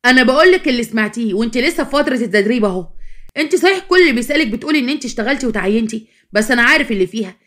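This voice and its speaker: A woman's voice: fairly high pitch, lively intonation, racing, a bit bright. A woman voicing an exasperated grown husband, speaking in an Egyptian accent in a scolding, insistent way that rises to anger. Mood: angry. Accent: Egyptian Arabic. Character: exasperated husband, grown man, stern and proud.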